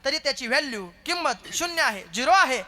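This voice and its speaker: Male kirtan preacher with a bright, ringing voice who works the live crowd with stories and playful questions. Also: very high voice, lively intonation, a little fast. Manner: storytelling, quizzing the audience playfully. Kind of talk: devotional kirtan sermon.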